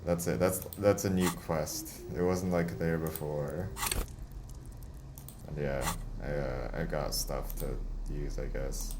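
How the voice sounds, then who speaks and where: A man's voice: extremely low pitch, fairly even intonation, slow, noisy background. A man giving casual, chatty commentary while playing a video game. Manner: chatty, laughing, self-talking. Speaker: let's play host.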